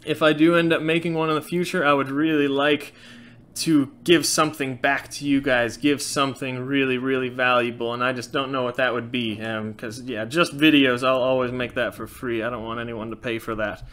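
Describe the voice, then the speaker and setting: Here a channel host, a thirtysomething Norwegian with a slight accent, runs a relaxed Q&A chat from a small room. His mid-range voice keeps a moderate pace while he speaks openly and energetically, gesturing often.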